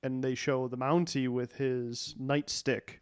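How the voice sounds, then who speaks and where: A man's voice: medium pitch, level tone, slow, clean tone. Guy cohosting a podcast, chill and chatty, kinda amused, medium voice. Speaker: podcast co-host. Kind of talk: casual chat.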